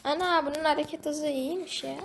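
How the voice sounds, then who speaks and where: A woman's voice: sits high, steady tone, brisk, a little hiss or hum. A woman giving casual, chatty commentary over her gameplay, talking to the game animal and to her viewers. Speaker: gaming video host.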